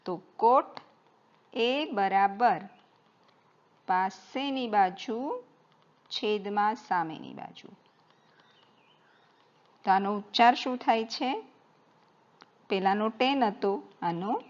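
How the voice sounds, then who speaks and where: Slow, patient woman teaching math. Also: mid-range voice, expressive, muffled recording. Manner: slow, patient, spells out terms letter by letter. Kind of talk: board-writing math lesson.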